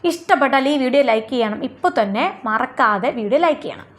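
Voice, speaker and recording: High-voiced Malayali woman teaching a lesson. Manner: reads English questions slowly, then explains in casual Malayalam. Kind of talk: explaining a textbook lesson.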